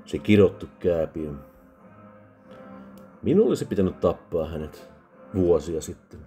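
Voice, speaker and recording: A man voicing a drunk, bitter, menacing soldier with a drunken rasp, harsher and louder than his narration. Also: low-pitched, very animated, soft background music.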